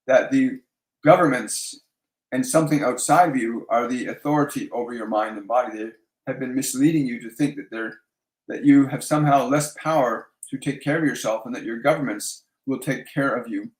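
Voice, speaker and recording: Man slowly repeating soothing instructions, roomy echo. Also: medium pitch. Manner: slow, soothing, repeats each instruction twice. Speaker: spiritual medium and live-stream host. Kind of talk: live-stream Q&A with guided meditation.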